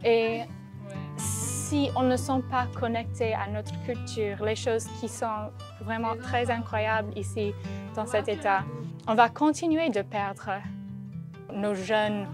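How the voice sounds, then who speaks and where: Slow-talking woman over guitar music. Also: fairly high pitch, steady tone. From Louisiana, United States. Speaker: teacher. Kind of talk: reflective interview testimony. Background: plucked guitar music.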